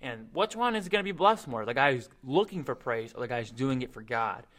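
A man's voice: mid-range voice, animated, brisk, a bit bright. A man talking earnestly and a little ramblingly in a casual faith discussion, co-hosting a Bible talk.

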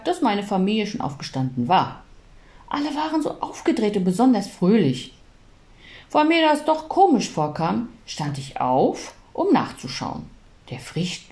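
Lively woman reading a storybook. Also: medium pitch. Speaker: audiobook reader.

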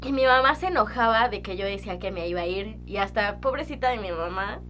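A young woman with a Mexican accent telling childhood stories in a casual podcast chat, animated and slangy, acting out her younger self. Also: mid-range voice, quick pace, soft background music. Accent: Mexican Spanish. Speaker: podcast co-host.

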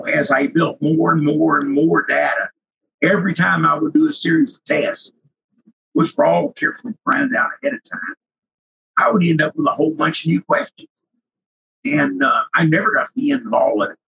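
An older man with a cracking, husky voice and sinus trouble, reminiscing casually and haltingly as an interview guest. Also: a little high, bright, forceful tone, low-quality recording. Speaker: interview guest, retired researcher.

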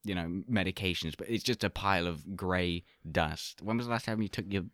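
Sex: man. Role: comedy podcast co-host. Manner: deadpan, dark humor. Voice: very deep. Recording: dry. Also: a little fast, no room sound.

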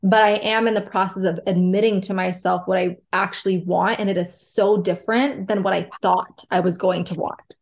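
A woman's voice: mid-range voice, fairly even intonation, moderate pace, gravelly, few pauses. A woman hosting a casual podcast interview, chatty and curious as she asks about her guest's experience. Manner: chatty and curious, with fillers and restarts. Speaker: podcast host.

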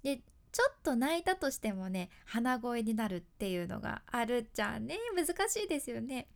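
Lively high-voiced Kyushu woman host. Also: normal speed, gravelly. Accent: Kyushu Japanese. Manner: mixes polished announcer delivery with chatty dialect asides. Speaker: podcast host, freelance announcer. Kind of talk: casual podcast talk with tips.

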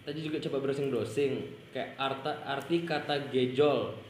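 A man's voice: medium pitch, steady tone, normal speed, roomy sound, slight background noise. A man co-hosting a casual podcast, rambling in slang and laughing often. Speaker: podcast co-host.

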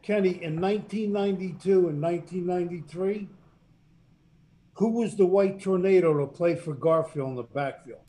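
A man's voice: high-pitched, moderate pace, warm tone. A man on a casual sports talk panel, plain-spoken and teasing his co-hosts.

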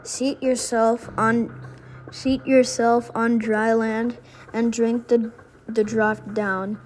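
A woman's voice: on the high side, flat delivery, takes it slowly, darkish tone, slight background noise, rough recording. A woman voicing a cruel old female sea witch while reading a fairy tale aloud, stumbling and rereading words. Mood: stern.

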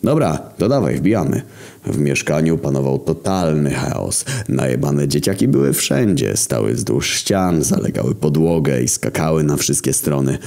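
Super deep gravelly guy telling a crude story, sardonic, lots of swearing. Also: normal speed, few pauses, mellow. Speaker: narrator. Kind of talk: first-person comedy horror storytelling.

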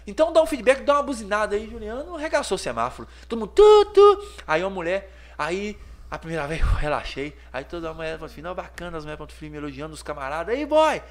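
Animated Brazilian man telling a story. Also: sits high, rapid-fire, slight background noise. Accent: Brazilian Portuguese. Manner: lively storyteller, acts out voices and sounds. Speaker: clothing store owner, guest. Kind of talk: casual storytelling in a podcast interview.

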